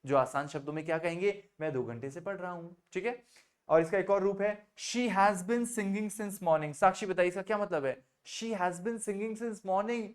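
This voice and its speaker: On a video call, a man teaches spoken English, patiently repeating examples and mixing Hindi in with his English. His voice is high-pitched and a little slow in this online spoken English lesson.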